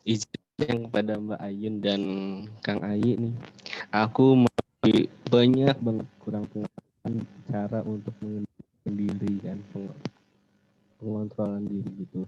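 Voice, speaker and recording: A man's voice: lowish voice, level tone, measured pace, long pauses, dark tone, muffled recording. Man on a breaking-up, crackly call. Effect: choppy, breaking-up audio over an online call. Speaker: online discussion participant asking a question. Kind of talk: casual chat. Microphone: headset. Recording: crackly, dropping-out online call audio.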